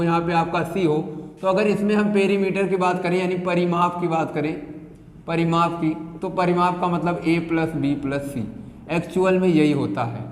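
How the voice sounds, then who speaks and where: A man teaching a math lesson, repeating key points and asking the students questions as he goes. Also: high voice. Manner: repetitive, asks students questions. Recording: echoey room with long reverb.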